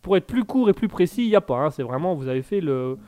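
A man's voice: fairly high pitch, lively intonation, quick pace, darkish tone, no echo, studio quality. A man hosting a live online talk show, rambling and often repeating words. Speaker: host.

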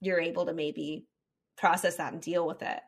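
A young woman with a husky, fairly low voice and a light Southern Californian accent hosts a podcast. She talks candidly at a moderate pace in a flat delivery, laughing often through the casual chat.

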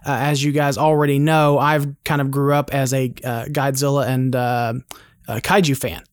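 A man's voice: medium pitch, flat delivery, normal speed, clear, resonant tone, no room sound, studio quality. A man in his thirties hosting a podcast in a casual, conversational and earnest way. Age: 30s. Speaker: podcast host.

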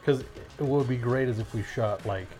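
A man co-hosting a podcast, trading dry, deadpan jokes in casual banter. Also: mid-range voice, normal speed, soft background music. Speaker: podcast co-host.

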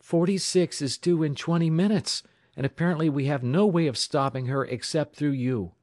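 In an adventure storybook, a male narrator performs an earnest young telegraph operator in a natural voice pitched well up. He sounds urgent, excited and eager yet respectful, speaking at normal speed in a dry recording.

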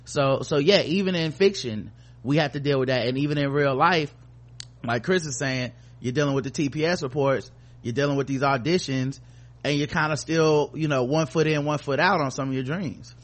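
An American podcast host speaks informally and with strong opinions, his slightly high voice moving at a moderate pace. He slips into rambling stretches and swears casually.

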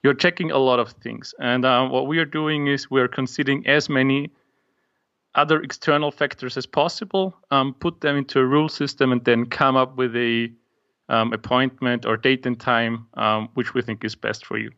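A man's voice: mid-range voice, fairly even intonation, moderate pace, sharp tone. Young austrian guy calling in from home, lots of ums, kinda dull lo-fi sound. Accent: Austrian German. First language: German. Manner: hesitant, many ums. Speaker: guest, app maker. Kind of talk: casual interview. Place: home office. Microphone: remote call.

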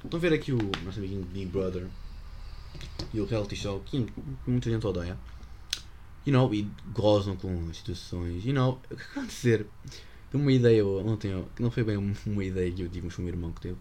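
A man's voice: fairly low pitch, brisk, warm tone, slight background noise. A young man in his teens with a European Portuguese accent, rambling jokily through a solo podcast and sprinkling in English slang. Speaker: podcast host. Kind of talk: casual solo podcast monologue.

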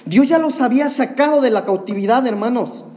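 A man's voice: very high-pitched, a little fast, a little mellow. Preacher man, earnest sermon, talks straight to the brothers. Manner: earnest, addresses congregation as brothers.

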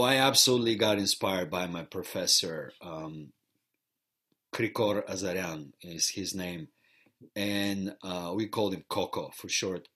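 In an interview conversation, a low-pitched man with a fairly bright tone reflects on his work as an actor and theater teacher. He is middle-aged, from Bulgaria, and tends to repeat words as he restarts.

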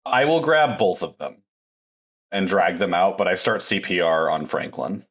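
Low-voiced terse male player. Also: sing-song, moderate pace, a bit bright, breathy edge. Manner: terse, matter-of-fact. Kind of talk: casual tabletop play.

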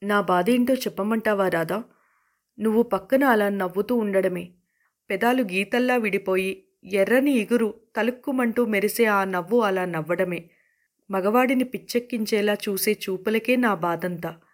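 Voiced in a woman's own slightly high tone, this is a young man in a storybook pouring out his heart in flowery, poetic phrases. A woman narrator reads him. He pleads and lingers on each image. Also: normal speed, natural voice. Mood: lovesick pleading. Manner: poetic, pleading, then fumbling. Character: young man smitten, stammering a flowery confession.

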